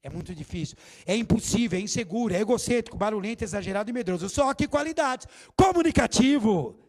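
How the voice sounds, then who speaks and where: A man preaching a sermon as bishop in a church, lively and theatrical. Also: high voice, fast talker. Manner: animated, theatrical preaching with acted quotes.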